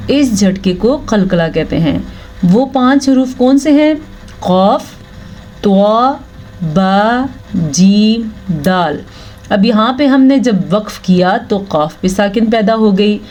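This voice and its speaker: Female recitation teacher, unhurried and patient, breaks into drawn-out chanted words. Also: fairly high pitch, darkish tone. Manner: explains rules patiently, then slowly chants each Arabic word; checks in with "thik hai" often. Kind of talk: slow, step-by-step tajweed lesson.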